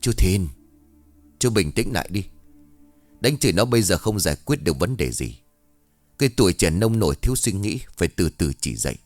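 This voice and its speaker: Man playing a soothing village elder, low, steady, audiobook role. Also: fairly quick, long pauses, no echo, faint music behind. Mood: calm.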